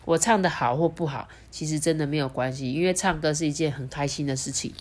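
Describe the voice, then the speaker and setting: A woman's voice: low voice, fast. A woman with a Taiwanese Mandarin accent and slightly slurred, non-standard pronunciation, telling stories and chatting expressively to children as a podcast host. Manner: expressive, addresses child listeners directly. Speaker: storytelling podcast host, mother. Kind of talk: children's storytelling and chat.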